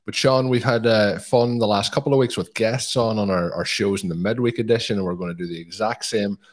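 Man, low voice, west of Ireland Donegal accent, casual podcast host. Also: steady tone, fairly quick. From Donegal, northwest Ireland.

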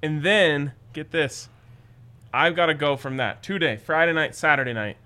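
A man's voice: a little high, moderate pace, sharp tone. An American man hosting a sports betting show, chatting casually in a slangy, joking, blunt way.

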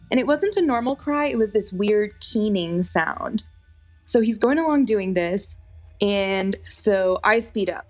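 A woman narrating a first-person true story in a conversational way, full of fillers and asides. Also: on the high side. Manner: conversational, animated, many fillers. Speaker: podcast narrator.

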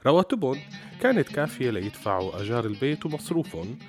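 A man's voice: medium pitch, big pitch swings, fast. A man with a Syrian Arabic accent narrating a scripted story as a storyteller. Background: music behind the voice.

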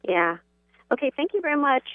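A woman calling in to a radio show over the phone, speaking in a halting, unsure way with restarts. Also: sits high, very animated, a crowd in the background. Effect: phone call heard on a radio show. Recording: tinny phone line.

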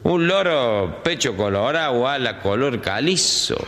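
A man's voice: medium pitch, animated, unhurried. A man with a Córdoba accent, telling a joke as a live stand-up story in a vivid, playful way. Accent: Córdoba Argentine. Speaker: comedian. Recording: live stage recording in a hall, loud audience.

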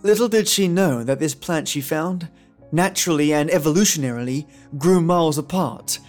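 Speaking at a moderate pace in a voice on the high side, a man hosting a podcast gives theatrical, storyteller-like scripted narration and commentary. Background music with guitar accompanies him.

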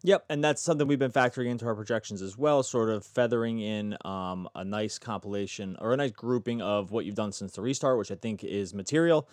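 A man's voice: lowish voice, a little fast, few pauses, darkish tone, no echo, clean studio sound. A man hosting a sports betting podcast, chatty and self-correcting as he talks. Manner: chatty, self-correcting, asks guest questions. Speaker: podcast host. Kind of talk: casual podcast talk.

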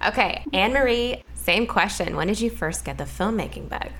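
A woman's voice: mid-range voice, expressive, moderate pace, fairly bright tone, a little hiss or hum. Upbeat woman panel moderator. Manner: upbeat, encouraging.

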